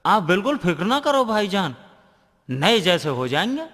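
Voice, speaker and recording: A man's voice: sits high, sing-song, normal speed, a bit bright, long reverb tail, exaggerated voice. A man playing a naive, boastful, jobless young fool in a comedy sketch. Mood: joking.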